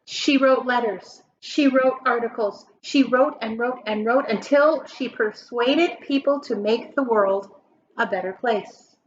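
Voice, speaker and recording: With a fairly high, unhurried voice, a woman performs a children's picture book like a teacher, full of dramatic emphasis and questions for the listeners. The sound is lo-fi, carrying a slight hiss or hum.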